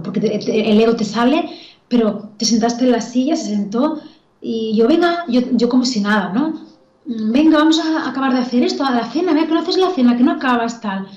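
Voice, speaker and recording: A woman's voice: fairly high pitch, mellow, echoey room, lo-fi sound. A woman, a spiritual teacher telling a story in casual spoken teaching, chatty and laughing often, with many restarts.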